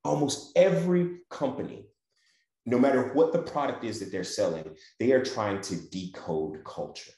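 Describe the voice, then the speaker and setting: A man's voice: medium pitch, normal speed, mellow. A man with a Mississippi Southern accent talking conversationally as a panel guest, often checking his points with "right?". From Mississippi, USA. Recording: roomy, echoey sound.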